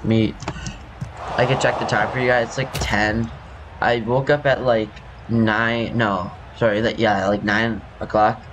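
A man's voice: fairly low pitch, little pitch movement, unhurried, a bit bright. Young man with a scratchy morning voice. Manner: rambling, self-correcting, apologetic. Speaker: gaming youtuber. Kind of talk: casual gameplay commentary.

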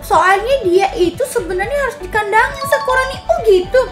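A woman voicing a calm young schoolgirl who explains things in a lower, softer voice than her usual. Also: brisk, faint music behind.

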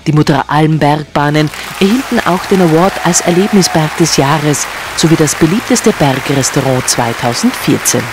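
A man reading a scripted news voice-over in an upbeat, measured tone. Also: on the high side, expressive. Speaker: news narrator. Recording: narration over music and crowd chatter. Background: music and crowd noise.

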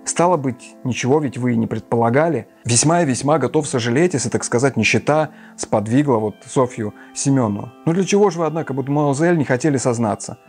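Man voicing a smug, long-winded gentleman in an audiobook, fussy, pompous, with filler hesitations. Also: medium pitch, fast talker, hardly any pauses, soft background music, natural voice. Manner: wordy, pompous, hesitant mumbling. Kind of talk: audiobook character reading.

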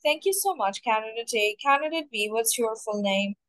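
A woman acting as examiner in a mock English speaking test, asking clear, measured questions. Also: fairly high pitch, expressive, a bit bright, no echo.

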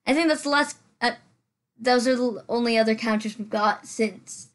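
A woman's voice: fairly high pitch, moderate pace. A woman hosting a build video, rambling in casual voice-over, chatty and self-deprecating, with many fillers, a little out of breath, sitting farther from her mic than usual. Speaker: Sims building channel host.

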